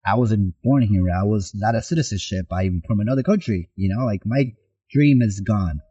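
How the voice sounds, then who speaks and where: On a podcast, a soccer coach from Mexico talks through his life story, bringing remembered conversations to life by acting them out. His voice sits on the low side with a breathy edge, at normal speed, through lo-fi sound.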